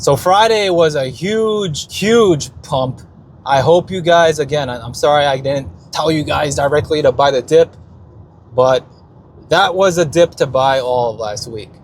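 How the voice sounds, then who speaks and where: A man's voice: on the high side, slight background noise. A man talking casually and off the cuff as a market commentator, in a brash, slangy, swearing crypto-bro manner. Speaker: retail investor and stock market video host.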